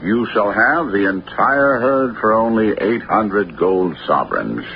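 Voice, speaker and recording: An actor playing a bold, cunning outlaw in a radio adventure, with a teasing, mock-courteous manner. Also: male voice, lowish voice, lively intonation, measured pace. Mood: sly, ingratiating. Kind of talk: theatrical radio adventure acting. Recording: dull, lo-fi radio recording with faint noise.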